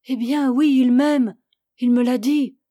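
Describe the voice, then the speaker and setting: A woman's voice: sits high, steady tone, slow pace, warm tone, no echo, clean studio sound, voice pushed up. A woman reading an audiobook, voicing an anguished young woman who is passionate and reproachful. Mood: impassioned. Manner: impassioned, reproachful.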